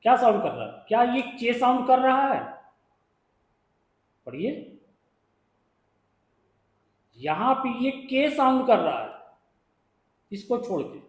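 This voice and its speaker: High-voiced man teaching in an echoey room. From India. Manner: patient, repeats sounds, asks students rhetorical questions. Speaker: shorthand teacher. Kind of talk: classroom-style lesson explaining strokes.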